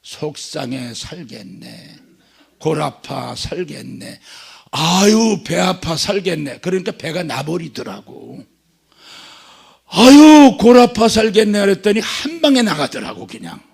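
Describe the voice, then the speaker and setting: A man's voice: a little high, measured pace, vocal fry, breathy edge. A man preaching a sermon at a church revival meeting, telling stories with jokes. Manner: joking, animated storytelling.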